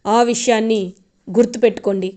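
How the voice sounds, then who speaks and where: A woman's voice: fairly high pitch, steady tone, a little fast, warm tone, lightly acted. A woman voicing an angry young father who scolds his family for upsetting his daughter, in a stern retelling of a TV serial.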